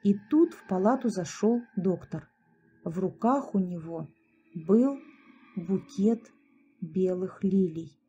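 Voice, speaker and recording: Calm, mellow woman narrator. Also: fairly low pitch, dull audio, a little hiss or hum. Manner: calm, measured storytelling. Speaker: audiobook narrator. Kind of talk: scripted narration.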